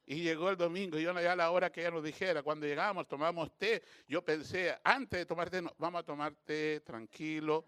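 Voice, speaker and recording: A man's voice: fairly high pitch, fairly even intonation, a little fast, few pauses, a bit bright, clean tone, no echo. A middle-aged Chilean man preaching a sermon as pastor, telling stories with passion and building to fervent exhortation.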